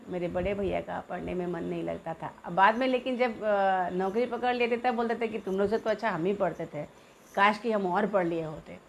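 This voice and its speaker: A woman's voice: medium pitch, a little hiss or hum. Woman telling childhood stories. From Bihar, India. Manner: lively, animated retelling. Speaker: storyteller. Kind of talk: personal childhood storytelling.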